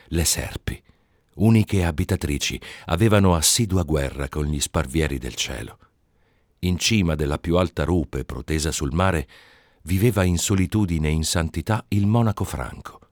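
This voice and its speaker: A man narrating a literary tale in a slow, measured reading. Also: deep voice, dry recording, studio quality. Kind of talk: scripted narration.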